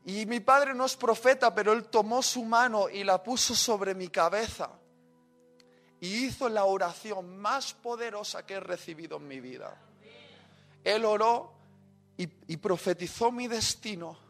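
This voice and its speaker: A man giving a sermon testimony, moving quiet storytelling to loud, impassioned outbursts. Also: high voice, measured pace. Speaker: preacher. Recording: faint music behind.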